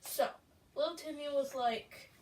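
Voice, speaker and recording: A woman co-hosting a casual storytelling game, tossing in quick jokes and giggles. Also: sits high, darkish tone, recorded from a distance, slight background noise. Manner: joking, quick asides, giggly. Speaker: co-host.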